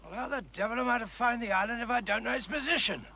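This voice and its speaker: Gruff, gravelly old sea captain. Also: male voice, extremely high pitch, quick pace, pushed and bright, exaggerated voice. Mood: blustering pride. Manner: gruff, blustering, pompous. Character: gruff, proud old saltwater sailor, stubborn and scornful. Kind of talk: television period drama acting.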